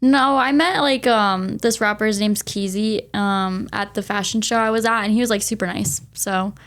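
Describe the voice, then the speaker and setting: A woman's voice: medium pitch, fairly even intonation, normal speed, fairly bright tone. A young woman, a guest on a casual podcast, talking in a bubbly, chatty way and laughing often. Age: young adult. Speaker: podcast guest, sports creator.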